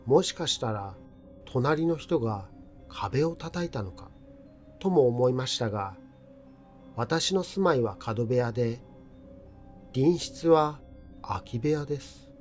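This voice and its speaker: A man reading a scripted ghost story in a measured, deliberate way, pausing between short phrases. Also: mid-range voice, animated, darkish tone. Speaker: horror story narrator. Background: music.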